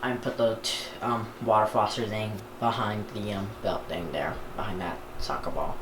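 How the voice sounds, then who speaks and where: Rambling casually for a vlog, a person displays their radio collection and frequently starts sentences over, speaking at a moderate pace in a mid-range, fairly even voice. The indoor room is echoey, with noise in the background.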